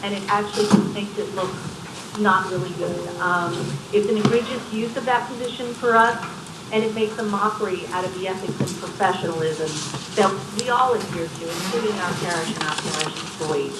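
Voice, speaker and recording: A woman's voice: mid-range voice, brisk. A woman, phoning in to a public meeting on speakerphone, giving a formal, earnest and firm public comment. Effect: heard over a phone on speakerphone, played through the meeting room. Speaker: phone-in caller at a public meeting. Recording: echoey phone-speaker call with loud background noise.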